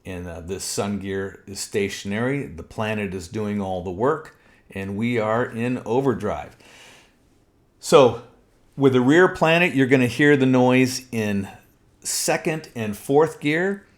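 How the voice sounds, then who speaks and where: A man's voice: medium pitch, slow. A middle-aged man explaining a technical topic step by step as an instructor, methodical, with frequent fillers. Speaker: transmission instructor. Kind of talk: technical walkthrough lesson.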